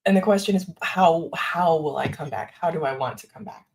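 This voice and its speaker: A woman's voice: sits low, a little fast, a little mellow, poor audio. A woman hosting a casual live stream, thinking aloud with fillers and small laughs, talking into a desktop microphone. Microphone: desktop USB microphone.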